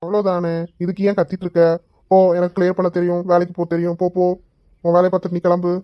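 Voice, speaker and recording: A woman's voice: medium pitch, a little fast, no echo, lightly acted. A woman playing a cheeky young man who whines and talks back to his bossy elder cousin in a comedy sketch. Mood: defiant. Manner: whiny, cheeky backtalk. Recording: dull, dry lo-fi recording.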